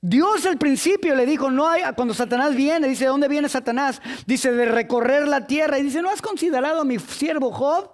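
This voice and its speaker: A man delivers a sermon in a very high voice. He tells the story with humor and slips into different voices for its characters, then turns earnest as he draws out the lesson. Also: normal speed, few pauses. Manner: lively storytelling with jokes, acting out the people in the story. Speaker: preacher.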